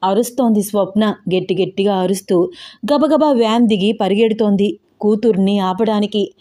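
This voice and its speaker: A woman narrating a dramatic audio story in a steady storytelling voice. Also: medium pitch, normal speed.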